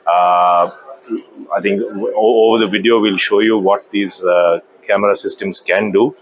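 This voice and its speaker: A man in his thirties, a company managing director, giving a trade-show business interview in a measured, hesitant way with many fillers. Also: on the low side, steady tone, lo-fi sound, a little hiss or hum. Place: indoor exhibition booth.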